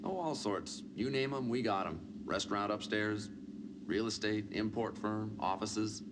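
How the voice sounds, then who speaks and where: A man's voice: lowish voice, unhurried, close to an everyday voice. A man playing a chatty older caretaker. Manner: chatty, folksy. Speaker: building caretaker. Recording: noisy film soundtrack.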